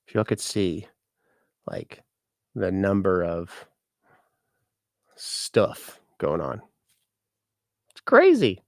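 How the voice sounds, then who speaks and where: A man's voice: sits low, extremely slow, vocal fry, long pauses, no echo, studio quality. A man chatting casually to his vlog audience, rambling and self-deprecating. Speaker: musician and content creator.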